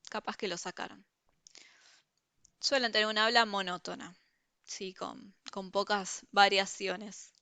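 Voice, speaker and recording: A woman teaches a university review class over a video call, her voice bright and crisp. She explains each point patiently and step by step, often pausing to check that her students follow. The sound is close and dry, with no room around it. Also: medium pitch, dry recording. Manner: explanatory, checks understanding with frequent "¿sí?".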